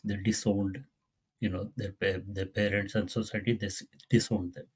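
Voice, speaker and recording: Male Quran teacher, low husky voice, earnest and repetitive delivery. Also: a little mellow. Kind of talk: religious lesson.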